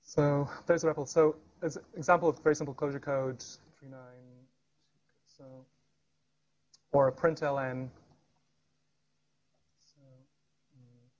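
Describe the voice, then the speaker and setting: A man giving a live technical presentation at a meetup, talking fast with frequent restarts and fillers. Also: fairly high pitch, fairly even intonation. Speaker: tech meetup speaker. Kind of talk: live technical talk with demo. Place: meetup room.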